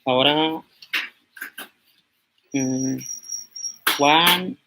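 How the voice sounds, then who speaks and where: A young man in his twenties, from Mexico, giving an informal language lesson and slowly repeating words as he writes them out. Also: fairly high pitch, heavy background noise. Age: 20s. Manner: slow, repeats words aloud while writing on a board. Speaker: language teacher.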